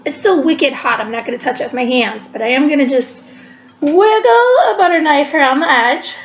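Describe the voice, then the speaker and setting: Here a woman hosting a library cooking show chats through every stage of a cooking demonstration at home, captured on a webcam facing her over the counter. She speaks at a normal speed in a high voice with lively intonation. Expect an echoey kitchen, muffled lo-fi webcam sound and a faint hiss or hum.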